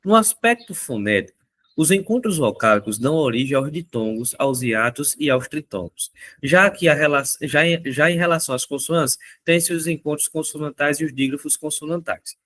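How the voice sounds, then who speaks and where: Male teacher, slightly high voice, lively and chatty while going over answers. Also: moderate pace. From Brazil. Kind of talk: recorded exam answer walkthrough.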